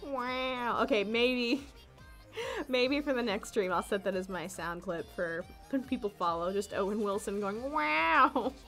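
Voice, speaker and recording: A young woman answers chat questions on a casual livestream at a middle pitch. She rambles, giggles and restarts her sentences as she goes. Faint music plays quietly in the background. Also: moderate pace. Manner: rambling, giggly, self-interrupting.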